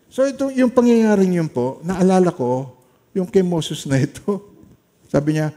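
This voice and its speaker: A middle-aged man with a Filipino accent, preaching a sermon in a storytelling way and mixing in English phrases, his volume swinging from loud emphasis to quiet trailing lines. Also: high voice, lively intonation, unhurried. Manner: mixes Tagalog with English, storytelling, soft-spoken asides. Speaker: pastor.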